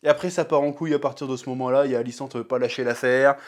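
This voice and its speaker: A young man giving a casual, slangy episode review, animated and acting out scenes in quick voices. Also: medium pitch. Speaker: TV series reviewer.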